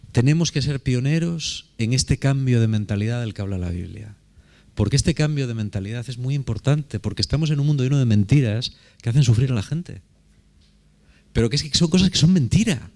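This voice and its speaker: A man's voice: mid-range voice, a little mellow. A man preaching a sermon in a conversational, emphatic way, often asking rhetorical questions.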